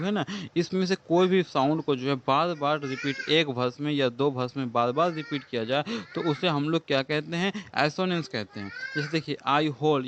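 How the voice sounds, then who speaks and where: A man's voice: mid-range voice, a little hiss or hum. A man teaching a poem as a lesson, explaining it step by step and answering his own questions. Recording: dull lo-fi sound.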